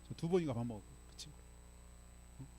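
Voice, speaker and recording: A man's voice: medium pitch, expressive, racing, very noisy. Older male pastor, chatty storytelling sermon. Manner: conversational storytelling, frequent "예?" to congregation. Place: church sanctuary.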